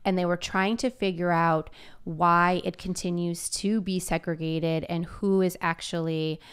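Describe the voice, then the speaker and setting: A woman co-hosting a podcast, telling stories in an animated way in casual chat. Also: fairly low pitch, a little slow, clean tone. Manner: animated, many fillers and restarts, laughs easily. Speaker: podcast co-host.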